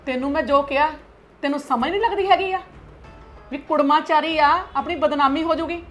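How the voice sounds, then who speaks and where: A woman's voice: medium pitch, moderate pace, soft background music, lightly acted. A middle-aged woman playing an aggrieved mother-in-law in a family drama skit, lamenting and scolding dramatically.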